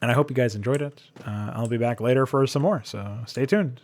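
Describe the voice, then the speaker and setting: A man's voice: medium pitch, brisk, a little mellow, a little hiss or hum. A man reviewing a game map in casual commentary, thinking aloud with frequent fillers and restarts, blunt and now and then profane.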